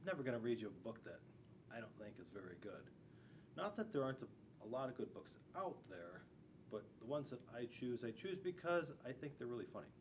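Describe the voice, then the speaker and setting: Reading a storybook aloud to young children, this forties-aged school resource officer keeps up playful, chatty asides. His voice is mid-range, sing-song and brisk; it's a classroom recording from a camera a few feet away, distant and with faint room noise.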